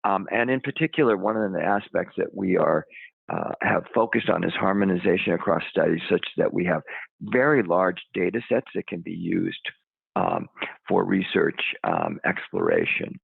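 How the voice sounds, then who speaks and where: A man giving an academic presentation over the phone, halting, with many ums and restarts. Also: low voice, animated, creaky, slightly rough, no echo. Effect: heard over the phone. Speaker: research center director presenting. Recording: tinny phone line, dry.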